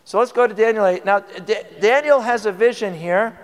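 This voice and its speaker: Preaching a teaching sermon, a man keeps things conversational and puts questions to the congregation, though his voice sounds tired. It is high-pitched at a moderate pace. The rough recording carries a long reverb tail.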